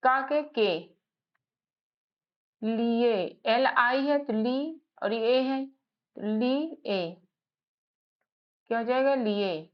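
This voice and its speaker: A woman's voice: a little high, very slow, long pauses. A woman teacher patiently sounding out letters and words one by one, repeating each word and asking herself questions as she goes. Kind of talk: slow spelling lesson, sounding out letters. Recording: slightly dull lo-fi audio.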